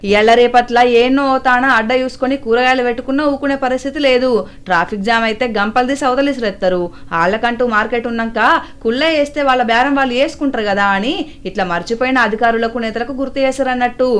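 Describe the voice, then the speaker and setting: Give me a woman with a Telangana accent reading satirical news voice-over, wry and mocking, slightly high. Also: fast talker, clear, resonant tone. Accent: Telangana Telugu. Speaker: news narrator.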